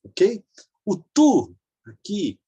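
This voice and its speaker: A man's voice: high-pitched, wildly swooping pitch, very slow, dark tone, breathy edge. A man teaching an online grammar lesson, patiently explaining step by step, repeating forms and checking in with the listener.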